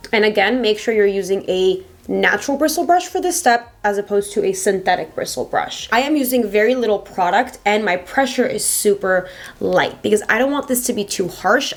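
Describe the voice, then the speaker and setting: A young woman speaks in a mid-range voice as a beauty vlogger. Her delivery is casual and chatty, leaning on certain words and repeating them for emphasis as she walks viewers through steps indoors. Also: mid-range voice. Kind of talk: casual makeup tutorial, talking to camera. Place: small indoor home filming setup.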